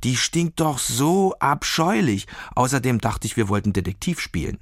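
A man's voice: medium pitch, very animated, moderate pace, no room sound, clean studio sound, pitched above the performer's own voice. A man playing a doubtful young girl. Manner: doubting, reluctant.

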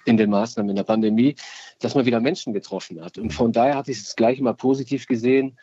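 A man's voice: mid-range voice, fairly even intonation, fast talker, mellow, no echo. A man with a stuffy nose and a nasal voice, chatting casually and telling anecdotes as an interview guest. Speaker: interview guest, singing parcel courier and opera singer. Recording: slightly dull, band-limited sound.

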